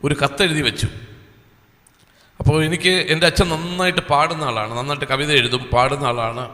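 Bright-voiced man testifying in a hall. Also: fairly high pitch, fairly even intonation. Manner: earnest storytelling with long pauses. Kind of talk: personal testimony at a church service. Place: small church hall. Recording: echoey hall reverb.

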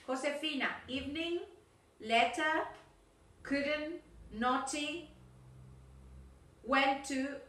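A woman's voice: sits high, very slow, long pauses, fairly bright tone, echoey room, far from the mic. A woman English teacher, going through her pupils' mistakes one by one in a recorded video class, part scolding and part correcting.

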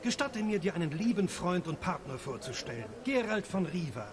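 An actor playing a chummy, crude old go-between who talks in an eager, ingratiating way. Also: male voice, high voice, very animated, fairly quick, a crowd in the background. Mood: eager, placating.

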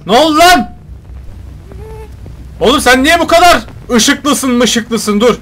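A young man commentating his own gameplay, joking and shouting at the game characters. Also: very high voice, animated, slow. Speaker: gaming YouTuber. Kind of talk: let's play commentary.

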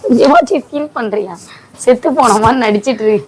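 A woman with a high voice chats casually for a family vlog. She grumbles in a playful, exasperated way, teasing as she complains. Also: fairly quick. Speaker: family vlogger. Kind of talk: casual family banter on camera.

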